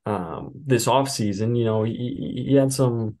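A man hosting a sports podcast as beat reporter, talking in a relaxed, rambling way with many fillers and restarts. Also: medium pitch, a little slow. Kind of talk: casual sports podcast chat.

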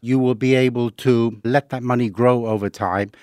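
A man's voice: mid-range voice, fairly even intonation, moderate pace, a little mellow, dry recording, clean studio sound. A middle-aged man from Hong Kong, a guest on a finance podcast, explaining rules of thumb patiently with worked examples. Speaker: investing guest. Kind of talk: podcast interview.

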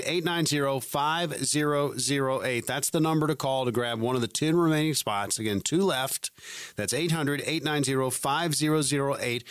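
A man's voice: mid-range voice, fairly bright tone, dry recording. A man co-hosting a radio show, delivering a persuasive infomercial-style call-to-action with repeated slogans and numbers. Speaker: radio show co-host and announcer.

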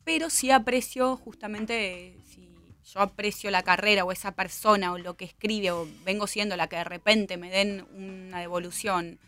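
A woman with a Buenos Aires accent, an actress being interviewed, telling stories in an animated, lively way. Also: medium pitch, normal speed. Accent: Buenos Aires Spanish. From Argentina. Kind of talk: casual interview chat.

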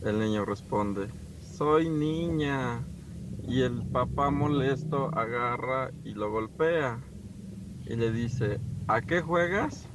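A man calling in to a radio show, telling a joke slowly and deliberately. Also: mid-range voice, lively intonation, noisy background. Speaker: caller.

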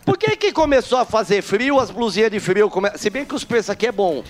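A man's voice: high-pitched, lively intonation, brisk. A man working as a roving comedy reporter, teasing people in casual, joking street interviews. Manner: teasing, cheeky. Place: city street and shops.

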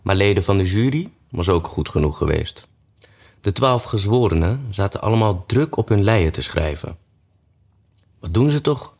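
Low-voiced man reading a storybook. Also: normal speed, creaky. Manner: relaxed reading with frequent "eh" fillers. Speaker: narrator.

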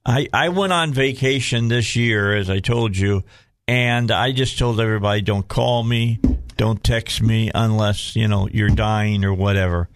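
A man's voice: fairly low pitch, a little slow, no room sound. A man with a Southern US accent hosting a casual talk radio show in a folksy way, often repeating phrases as he goes.

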